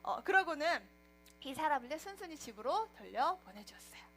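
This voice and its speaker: A woman preacher telling a Bible story to children in a lively way, often asking them questions. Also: high-pitched, moderate pace. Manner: animated, asks the children questions.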